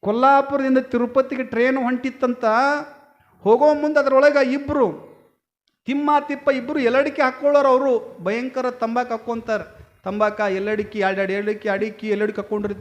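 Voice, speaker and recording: A man with a very high voice preaches in a North Karnataka Kannada accent. He tells folksy stories to his listeners, calling out to the women and slipping into small voices for the characters. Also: level tone, moderate pace, highs cut off. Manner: folksy, addresses women as yavva, acts out story voices. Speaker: swami preacher. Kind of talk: devotional sermon with storytelling.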